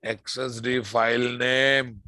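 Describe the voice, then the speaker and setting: A man's voice: medium pitch, little pitch movement, takes it slowly, pushed and bright, no room sound. A man with an Indian accent giving an informal programming lecture, repeating phrases and addressing his students familiarly. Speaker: programming instructor. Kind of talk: informal live classroom lecture.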